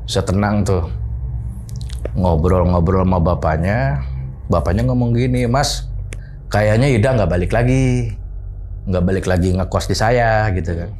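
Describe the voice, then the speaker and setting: A man's voice: deep voice, a little slow, long pauses, slight background noise. A man, casually recounting a horror story from his boarding house and acting out what people said. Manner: animated retelling, acting out quoted dialogue.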